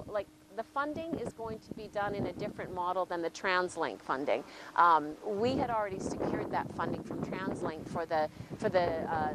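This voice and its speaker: A woman's voice: medium pitch, very noisy. A woman, a city councillor answering interview questions, hesitant and given to repeating words.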